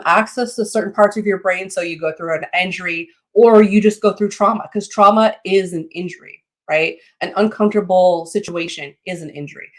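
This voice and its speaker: A woman giving an informal, explanatory lesson as a teacher, phrasing things haltingly and checking in with short tags. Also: medium pitch. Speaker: teacher of meditation and psychic development.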